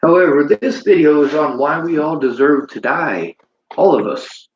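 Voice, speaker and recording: A man's voice: fairly high pitch, animated, normal speed, a little hiss or hum. A man livestreaming a preachy monologue and reading chat comments aloud. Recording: roomy, dull lo-fi sound.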